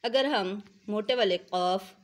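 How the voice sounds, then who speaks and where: Lady teacher giving a quran recitation lesson to her students, measured, says um and clears her throat a lot. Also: mid-range voice. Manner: measured explaining, slow chanted recitation of quotes; throat clearing, hesitant fillers. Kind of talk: religious lesson to female students.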